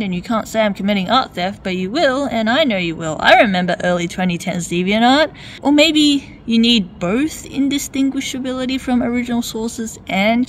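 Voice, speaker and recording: A woman's voice: on the high side, slight background noise. A woman giving argumentative video commentary in a wry, debating tone, firing off pointed rhetorical questions. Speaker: video essayist.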